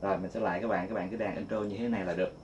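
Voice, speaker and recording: A man giving a casual guitar lesson, singing note names slowly between quick explanations. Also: low voice, steady tone, dull audio, slight background noise. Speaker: guitar teacher. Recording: loud guitar playing along.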